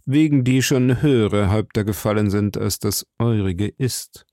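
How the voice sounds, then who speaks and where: A man voicing a powerful, scheming old cardinal who speaks slowly and probingly. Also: lowish voice, warm tone, dry recording, clean studio sound, close to an everyday voice. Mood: stern. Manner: slow, measured, probing.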